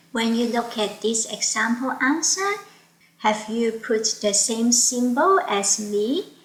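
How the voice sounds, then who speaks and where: A woman tutor running an online workshop, explaining test strategies slowly and checking in with her learners. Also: on the high side, a bit bright, echoey room, rough recording.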